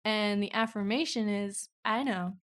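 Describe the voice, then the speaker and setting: A woman's voice: medium pitch, fairly even intonation, unhurried, fairly bright tone, dry recording, clean studio sound. A woman co-hosting a casual podcast, reading out notes with joking asides and bursts of giggles. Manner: giggly, self-mocking, reads lists with asides. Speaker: podcast co-host.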